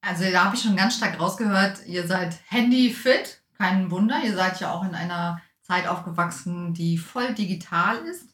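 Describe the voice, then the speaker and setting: A woman's voice: lowish voice, normal speed, few pauses, a bit bright. A woman hosting her podcast, asking her young guests guiding questions. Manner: friendly, asks guiding questions. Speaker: podcast host. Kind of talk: moderating a podcast conversation. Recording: echoey room with faint music.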